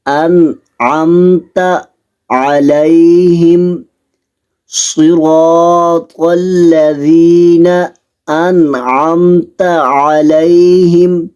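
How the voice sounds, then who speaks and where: A man with a Pakistani Urdu accent teaching Quran recitation, explaining pronunciation rules quickly and then reciting the verses slowly and melodically. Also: mid-range voice, warm tone. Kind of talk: recitation lesson.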